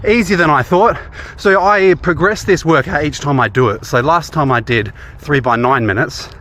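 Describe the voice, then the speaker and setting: A man's voice: fairly high pitch, moderate pace, fairly bright tone. An Australian man chatting casually in a running vlog, recorded outdoors. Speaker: running vlogger. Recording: clear outdoor background noise.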